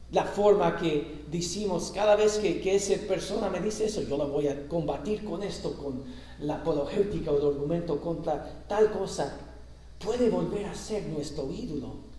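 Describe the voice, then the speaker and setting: A man's voice: a little high, warm tone. A man preaching a sermon, building intensity as he retells scripture, with stumbles and restarts. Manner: preaching with rising intensity, frequent self-corrections. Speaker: pastor. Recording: echoey hall, distant mic.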